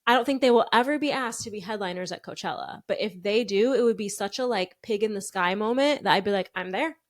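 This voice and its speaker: Female podcast co-host, American accent, medium pitch, conversational and expressive storyteller. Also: fast. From Wisconsin, US. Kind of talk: casual chat.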